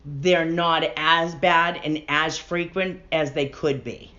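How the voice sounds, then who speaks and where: A woman's voice: low-pitched, steady tone, takes it slowly, bright, forceful tone. A middle-aged woman talking candidly about personal matters as an interview guest, on a dull lo-fi recording.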